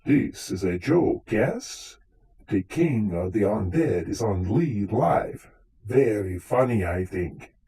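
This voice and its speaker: A man's voice: on the low side, lively intonation, slow pace, dark tone, slightly rough, full character voice. A man playing a vain, touchy, centuries-old vampire count in comic live radio theater, with a theatrical, formal way of talking. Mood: sardonic. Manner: theatrical, dryly boastful, formal phrasing.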